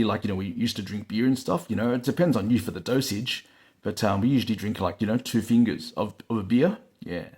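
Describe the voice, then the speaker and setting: A man's voice: lowish voice, darkish tone. Rambling man chatting to camera. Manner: rambling, full of "like, you know" fillers, laughs often. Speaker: vlog host. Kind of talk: casual chat to camera. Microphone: phone on a stand.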